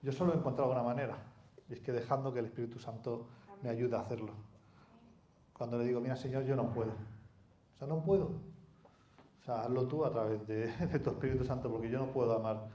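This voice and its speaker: A man's voice: mid-range voice, fairly even intonation, fairly quick, pauses often, warm tone, highs cut off. A man from preaching a sermon in a conversational way, asking the congregation rhetorical questions and adding asides. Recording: echoey hall.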